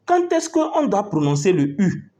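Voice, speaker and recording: A man teaches a phonics lesson at an unhurried pace, breaking words into letters and syllables one at a time. His slightly high voice swings widely in pitch as he stresses each sound. He stops often to ask whether his pupils are keeping up. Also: huge pitch swings, warm tone. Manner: patient, spells out letters and syllables, checks pupils follow.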